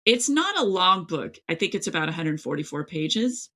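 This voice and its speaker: This East Tennessee author, a middle-aged American woman, has a fairly low, sing-song voice with a bit of brightness and a normal speaking speed. As a guest in an interview, she chats casually yet emphatically, wandering through her anecdotes.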